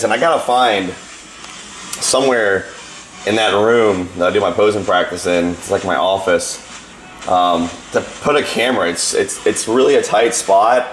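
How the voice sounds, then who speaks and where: A young man with a very low, hoarse voice that sounds worn out, chatting loosely to his camera about his day. He rambles easily from one thing to the next. A faint hiss of room noise sits behind him. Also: poor audio. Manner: chatty, rambling, telling a story with shouted quotes. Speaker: fitness vlogger. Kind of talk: casual vlog talk to camera.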